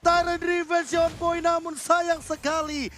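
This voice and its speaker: A man with an Indonesian accent calling a video game match live as an esports commentator, in an excited, dramatic announcer style with drawn-out calls. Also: very high-pitched.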